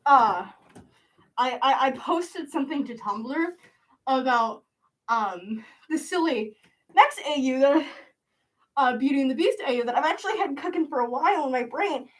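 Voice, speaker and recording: A woman vlogging in casual chat to camera, rambling with lots of fillers and restarts, giggly and excitable. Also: sits high, normal speed.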